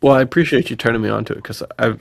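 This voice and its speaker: Rapid-fire and creaky, this man's mid-range voice comes through clean studio audio without echo. Co-hosting a podcast, he spins slangy, animated personal stories, quoting dialogue and laughing often.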